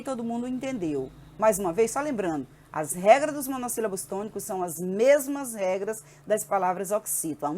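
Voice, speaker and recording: A woman teacher giving a grammar lesson, explaining rules and checking in with her students as she goes. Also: fairly high pitch. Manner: lively, checks in with the class.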